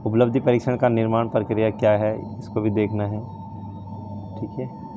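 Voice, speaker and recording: A man's voice: on the low side, flat delivery, moderate pace, noisy background. A male teacher walking students through a practical file in a casual, informal way, often checking in with "theek hai". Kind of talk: casual lesson walkthrough.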